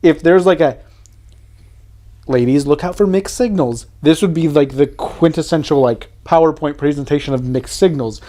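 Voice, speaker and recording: A man's voice: a little high, moderate pace, dark tone. A young man co-hosting a podcast, bantering playfully and making fun of himself. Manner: self-deprecating, playful banter. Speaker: podcast co-host. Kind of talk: casual chat.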